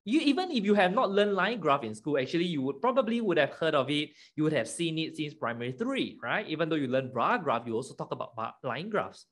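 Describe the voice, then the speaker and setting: A young man leads an interactive lesson for primary school children. He sounds like a kids' show host, with a very animated pitch. He keeps prompting his listeners with questions as he explains. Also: fairly quick, hardly any pauses. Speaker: online maths tutor for primary school children.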